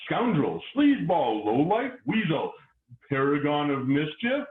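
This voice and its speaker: An actor playing a vicious, wordy, mustache-twirling villain in a hammy stage melodrama. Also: male voice, fairly high pitch, very animated, measured pace. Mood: gloating. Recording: echoey, tinny phone-like online call.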